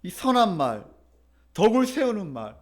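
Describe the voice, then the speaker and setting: High-voiced man preaching a sermon. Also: very animated, moderate pace, darkish tone. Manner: preaching with emphatic repetition and leading the congregation in reading. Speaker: pastor. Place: church sanctuary.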